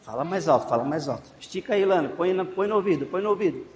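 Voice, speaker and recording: A man's voice: sits high, animated, fast, darkish tone. Coaxing man teaching kids. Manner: coaxing, encouraging, repeats instructions. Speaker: children's Bible class teacher. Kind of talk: leading a children's game. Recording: echoey room, faint background noise.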